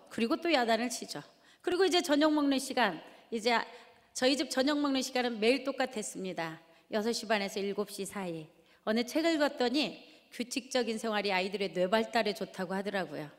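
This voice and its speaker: A middle-aged woman from Jeonju, giving a storytelling testimony sermon and asking the audience questions as she acts out scolding. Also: a little high. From Jeonju, South Korea. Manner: animated, asks the audience questions and acts out shouting at her children. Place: large church hall. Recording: reverberant large hall.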